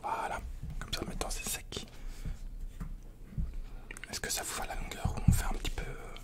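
A young man in a whispered role-play as a hairdresser, talking softly and playfully close to a microphone in a small room at home. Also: moderate pace. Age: young adult. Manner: soft whispering, relaxed and playful. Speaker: ASMR creator playing a hairdresser. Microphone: large mic close in front.

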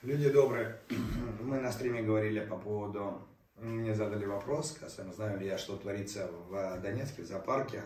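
Filming as he goes, this male animal park host presents pets and a trainer in a casual chat to viewers, gushing and often saying things twice. His voice is on the low side, a little mellow, and at normal speed. He's far from the mic, in an echoey room with background noise.

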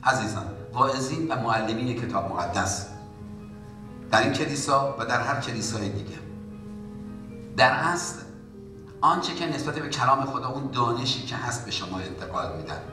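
A man preaching a sermon as a pastor, in an impassioned way that rises to loud exhortation. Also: mid-range voice, lively intonation, music in the background. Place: church. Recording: echoey church hall from far off.

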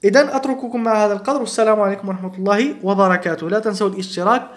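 Man, teacher, high voice, slow lines, quick explanations. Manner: reads French lines slowly, explains quickly in Arabic. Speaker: French teacher. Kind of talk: bilingual language lesson.

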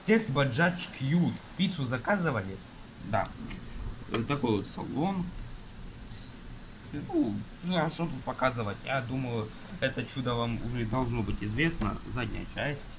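With rain falling outside, a young man at an indoor table casually reviews a car magazine, listing items page by page with hesitations and fillers. His mid-range voice has lively intonation, captured from above by a phone camera along with background noise.

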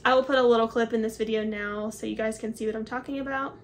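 A fast-talking hiking vlogger in her twenties, with a voice on the high side and a steady tone, walks the camera through her hiking gear in a small home office. She chats as she holds up and explains each item, over slight background noise.

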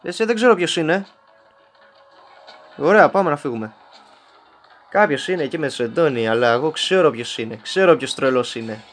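A young man with a fairly high voice runs a casual let's-play commentary. He jokes constantly and talks straight at the characters on screen. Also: animated, long pauses, faint music behind. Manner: joking, talks to game characters. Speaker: gameplay commentator.

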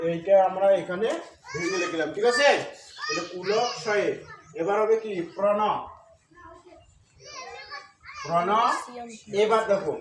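A teacher giving a Sanskrit pronunciation lesson, explaining slowly with a Bengali accent, chanting verse syllable by syllable and asking students questions. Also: medium pitch. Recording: echoey room from far off with loud noise.

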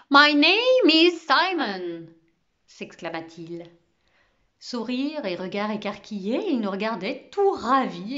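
A woman reading a children's novel aloud in an expressive storytelling way. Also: a little high, lo-fi sound. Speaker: reader.

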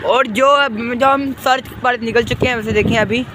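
A chatty Punjabi man narrates his village farm vlog in a high voice, rambling and circling back to the same filler words. He is recorded outdoors on a windy day, with loud wind and background noise over the phone audio. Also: steady tone, normal speed. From Pakistan. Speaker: vlogger.

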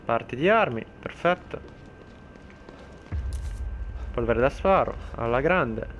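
Brief: excitable male gameplay commentator who taunts enemies and yelps when startled, mid pitch, faint game noise underneath. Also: normal speed. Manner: excitable, talks to enemies, shouts in alarm. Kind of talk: let's play commentary.

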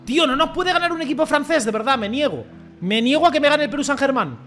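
A young man streams a football video game in a very high, bright voice, yelling at the referee and talking straight to his viewers. Soft game music plays under his excited commentary. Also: fast talker. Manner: shouts and yells at the referee, swears, talks to viewers. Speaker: gaming streamer.

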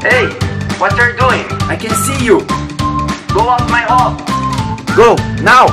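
A woman plays a homeowner whose voice comes out of a security camera's small two-way speaker, sending off an intruder. Her voice sits fairly high, and she talks in short, stern commands. Loud music plays underneath. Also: takes it slowly. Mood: stern warning.

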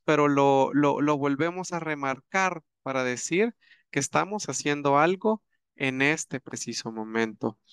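Slow, bright-voiced man teaching. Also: a little high, clean tone, no room sound, clean studio sound. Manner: patient, repeats and spells out examples with many fillers. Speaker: language teacher. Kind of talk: explaining a grammar lesson.

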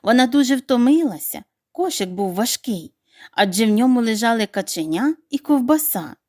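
A woman narrating a children's bedtime story in an expressive, animated reading voice. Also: a little high, normal speed, no room sound, clean studio sound.

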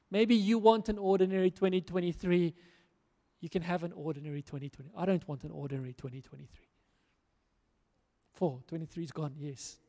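Handheld mic in hand, a middle-aged pastor from South Africa preaches from the stage of a large church hall. His voice runs a little high and dark in tone; the sermon is earnest and rousing, driven by emphatic repetition, with long reverb ringing through the hall.

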